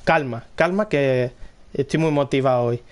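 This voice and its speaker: A young man with a Spanish accent casually commenting on his football game, excitable, often repeating words and shouting at plays. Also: mid-range voice, normal speed. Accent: Spanish (Spain). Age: young adult. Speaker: gaming streamer. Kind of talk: casual live gameplay commentary.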